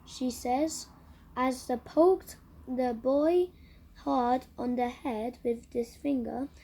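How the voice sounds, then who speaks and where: A woman reads a children's storybook aloud at an unhurried pace. Her voice is fairly high, and she often pauses to talk to the child about the pictures. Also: slightly rough. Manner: stops for gentle asides to the listener. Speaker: reader.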